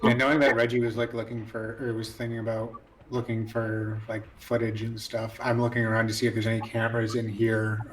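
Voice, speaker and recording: A man's voice: on the low side, little pitch movement, a little fast, a bit bright, a little hiss or hum, rough recording. A man playing a tabletop game, describing his character's actions matter-of-factly. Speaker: player.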